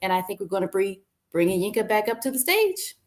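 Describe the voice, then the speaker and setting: A woman's voice: mid-range voice, sing-song, brisk. A woman hosting a conference stream, announcing sponsors and hashtags with casual filler phrases. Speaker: event host.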